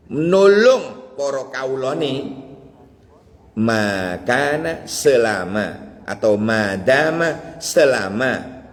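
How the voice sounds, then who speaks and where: A man's voice: mid-range voice, in a large hall. A man with a Javanese accent giving a dawn study sermon, teaching in a folksy way with chuckles and Javanese asides. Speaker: preacher.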